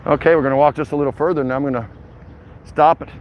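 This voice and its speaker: Talking fast at a fairly high pitch with fairly even intonation, a man livestreams himself walking in a city bayside area, rambling and joking with his live chat in a laid-back way. Dull, lo-fi outdoor mobile audio carries clear traffic noise, passing vehicles and general urban sounds.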